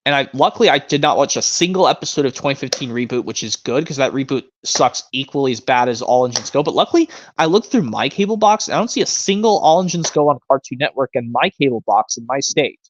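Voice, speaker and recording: Here the stream host, a man in his twenties, has a medium pitch and speaks quickly and animatedly, hardly pausing. The muffled lo-fi stream audio has slight background noise as he rambles in casual chat, restarting sentences often.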